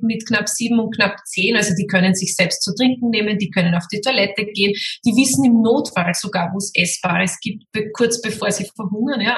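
A woman's voice: mid-range voice, fairly bright tone. A woman, a mother talking as a guest in a casual conversation, reflective and thinking aloud with frequent restarts. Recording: roomy, distant from mic.

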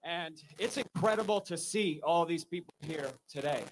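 A man giving an emphatic rally speech, shouting out his key lines to a crowd. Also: a little high, moderate pace, a little hiss or hum, low-quality recording. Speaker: rally speaker, protest organizer.

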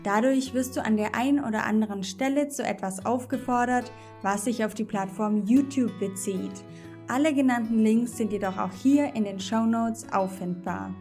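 A woman from Germany teaching a grammar lesson as a Spanish teacher, explaining slowly and deliberately and spelling out each example. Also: a little high, darkish tone, soft background music.

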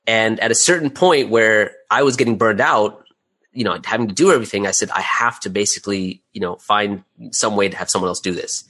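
Brisk and lowish, his voice sounds pushed and bright. Appearing as an interview guest, the middle-aged creator speaks casually and frankly, poking fun at his own work and chuckling along the way.

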